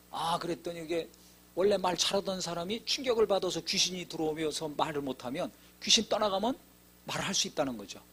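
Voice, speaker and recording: A man with a high, husky voice delivers a sermon as a church pastor. He tells his story with dramatic swells in pitch and acts out quoted dialogue along the way. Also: fairly bright tone. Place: church sanctuary.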